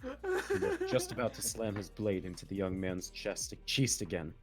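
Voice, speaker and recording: A low voice with wildly swooping pitch narrates fan fiction at a moderate pace while music plays behind it. The telling is over-the-top, punctuated by laughter and humorous side comments.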